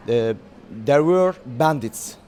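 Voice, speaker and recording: A man from Turkey with a Turkish accent, a documentary filmmaker speaking English as a second language in a festival interview, halting with many fillers and restarts. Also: mid-range voice, expressive, a little mellow.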